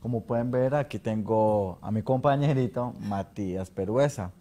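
A man's voice: on the low side, normal speed, mellow. A man who directs a dance school, greeting the show courteously and earnestly as a guest.

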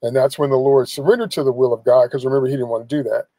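A middle-aged man preaches an emphatic sermon, live-streamed from inside a car, with his phone held at arm's length. His voice sits at a middle pitch, and the sound is dry and close with no room echo. He drives his points home by repeating phrases. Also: fairly even intonation, rapid-fire, dark tone. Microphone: phone camera at arm's length.

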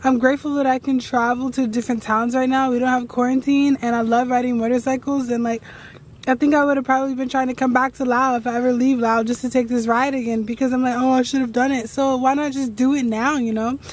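High-voiced chatty woman vlogging. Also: fast. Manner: chatty, rambling, excitable. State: tired after a long ride. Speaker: travel vlogger. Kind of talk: casual vlog chat to camera. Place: outdoors at night after a motorbike ride.

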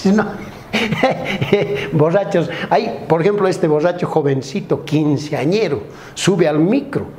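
High-voiced Bolivian comedian telling jokes. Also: male voice, expressive, slow, darkish tone, a little hiss or hum. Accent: Bolivian Spanish. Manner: playful, acts out characters in high squeaky voices. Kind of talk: stand-up joke telling.

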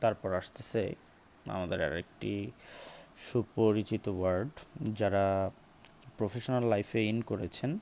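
A man's voice: on the low side, fairly even intonation, a little mellow, a little hiss or hum. A man teaching English pronunciation, spelling out words, saying each one several times and asking his viewers questions. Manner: slow, repeats each word to drill it. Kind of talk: spoken English lesson.

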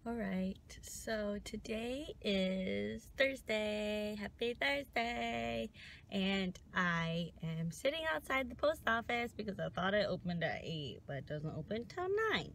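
A woman's voice: medium pitch, expressive, takes it slowly, creaky, a bit bright. A woman in her twenties chatting casually and playfully to a phone held at arm's length. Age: 20s. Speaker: vlogger. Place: small indoor rooms and parked car. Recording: noisy handheld phone recording.

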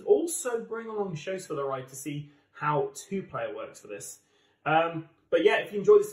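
A man with an English accent giving chatty, enthusiastic, casual unboxing commentary as a board game channel host. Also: on the high side. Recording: roomy, distant microphone.

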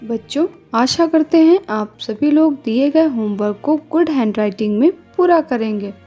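A woman teaching a recorded online lesson to young children, with slow, drawn-out, sing-song prompts and repeated questions. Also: high voice, animated, warm tone, faint music behind. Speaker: kindergarten teacher.

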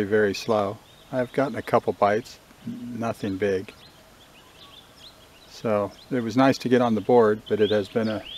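A middle-aged man talking casually to the camera on a riverbank, in a relaxed, matter-of-fact way with small restarts. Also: medium pitch. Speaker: fishing vlogger. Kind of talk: casual outdoor commentary. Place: riverbank outdoors. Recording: faint outdoor nature ambience.

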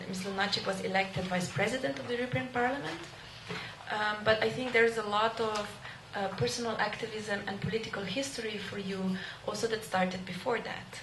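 Woman moderator, echoey room. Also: mid-range voice. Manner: chatty, many fillers, earnest. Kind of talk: panel discussion. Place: small indoor event room. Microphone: handheld mic. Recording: echoey room with background noise.

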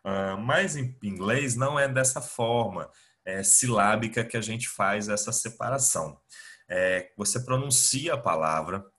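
A Brazilian man teaches a grammar lesson over a video call, picked up by his computer mic. His voice sits a little low yet sounds bright and forceful. He explains patiently, one step at a time, with frequent fillers. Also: expressive, unhurried. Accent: Brazilian Portuguese. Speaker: English teacher. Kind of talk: online class lecture. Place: home, remote video class.

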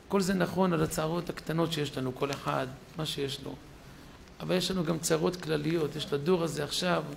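A rabbi delivers a storytelling sermon in a synagogue, acting out each character's lines with animation. His voice sits a little high and has a gravelly edge. Faint noise hangs behind him.

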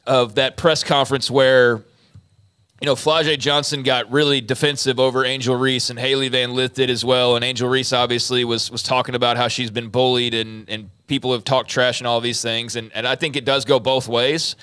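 A man's voice: mid-range voice, flat delivery, moderate pace, fairly bright tone, clean tone. A young man co-hosting a sports talk show from a studio, speaking reflectively and rephrasing as he goes. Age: young adult. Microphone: studio mic with headphones.

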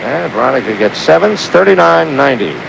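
A man's voice: mid-range voice, big pitch swings, fairly quick, vocal fry. A man giving live sports commentary on an old, noisy outdoor broadcast. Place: outdoor diving stadium.

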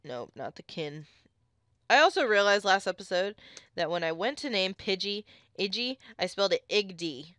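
A woman giving chatty, excitable commentary on her own gameplay into a close mic, with sudden squeals when something catches her eye. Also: medium pitch, normal speed, no room sound. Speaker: let's play gamer.

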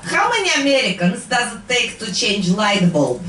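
A woman's voice: mid-range voice, very animated, normal speed, fairly bright tone. A woman putting on a stern Soviet comedian with a fake Russian accent, performing live. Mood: deadpan. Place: small comedy club stage. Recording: roomy club, far from mic, noisy crowd.

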